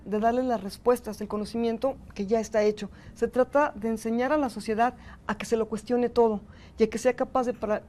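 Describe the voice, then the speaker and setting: A woman with a Mexican accent and a fairly high, mellow voice gives a university lecture with audience feedback, earnestly thanking the participants.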